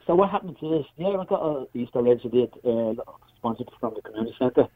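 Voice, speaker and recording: A man's voice: mid-range voice, expressive, fast, no echo. A man with a Dublin accent explaining things casually as a guest on a tinny phone line. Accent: Dublin Irish. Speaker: phone-in guest, community worker.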